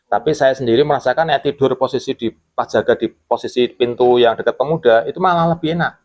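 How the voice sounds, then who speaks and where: A man's voice: mid-range voice, fast. A man, a former security guard telling a ghost story in a casual podcast chat and acting out his coworkers' words. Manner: animated, acts out quotes from coworkers.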